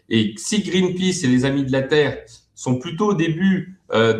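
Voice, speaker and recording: A man's voice: mid-range voice, roomy sound. A man talking as a guest expert in an interview, hesitant, with many fillers and repeated words. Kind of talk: web TV interview.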